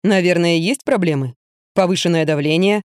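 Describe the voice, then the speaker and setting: Woman playing a young male trainer, low, curt, matter-of-fact, dry sound. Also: normal speed, dry recording, lightly acted. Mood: cool. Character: calm, blunt young male fitness trainer.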